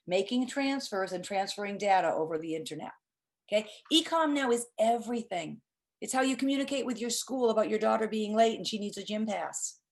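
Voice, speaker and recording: A woman's voice: fairly high pitch, darkish tone. Chatty, emphatic middle-aged woman hosting. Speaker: host, presenter. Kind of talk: informal webinar presentation.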